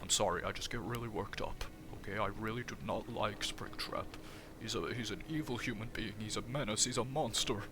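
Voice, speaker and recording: A man's voice: on the low side, fairly quick, few pauses, background noise, lightly acted. A man with an Australian accent voicing a grumpy, sweary male animatronic bear sidekick who mutters sulky, resentful complaints. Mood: grumbling.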